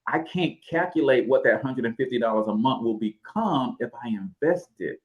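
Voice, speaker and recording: A man's voice: medium pitch, animated, normal speed, highs cut off. A man hosting a podcast, talking money in emphatic, punchy phrases with repetition and radio-style segues. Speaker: podcast host.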